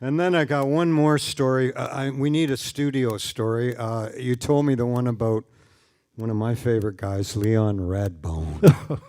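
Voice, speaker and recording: A man's voice: medium pitch, steady tone, a little slow, darkish tone, no echo. A man hosting a casual interview, prompting his guest for stories. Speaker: host.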